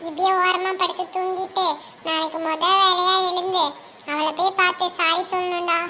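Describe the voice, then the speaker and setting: An actor plays a lovesick young man in a comic cartoon, his voice very high and bright. He talks softly and sincerely, and a faint hiss sits behind him. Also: little pitch movement, moderate pace, full character voice. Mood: dejected.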